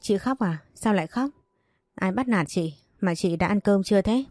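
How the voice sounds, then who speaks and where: A woman voicing a protective, excitable younger brother who presses with worried questions. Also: medium pitch, moderate pace, no room sound, clean studio sound, lightly acted.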